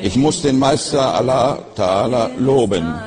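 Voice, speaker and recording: A man reciting a devotional poem in slow, measured lines. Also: medium pitch, animated, a crowd in the background.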